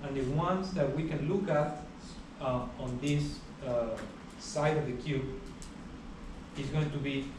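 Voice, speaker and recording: A young man giving a university lecture in a large hall, explaining steadily with many pauses and uh fillers. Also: mid-range voice. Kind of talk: classroom lecture. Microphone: far camera at the back of the room. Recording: echoey hall recorded from far off, background hiss.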